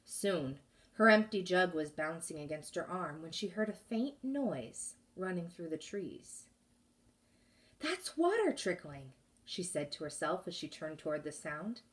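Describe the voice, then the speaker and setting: A woman teacher reading a chapter book aloud to her class, expressive and pausing to ask questions. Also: lowish voice, far from the mic.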